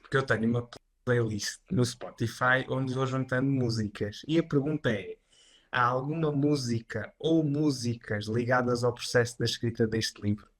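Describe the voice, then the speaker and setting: A man's voice: mid-range voice, normal speed. Man hosting a casual chat. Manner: friendly, informal questioning. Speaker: podcast host.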